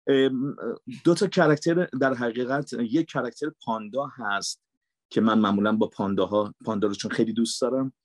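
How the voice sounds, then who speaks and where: A man's voice: medium pitch, dry recording. Earnest Mashhadi-accented man, dry sound. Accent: Mashhadi Persian. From Mashhad, Iran. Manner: earnest, emphatic, repeats for stress. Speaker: voice actor and dubber. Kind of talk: interview answers.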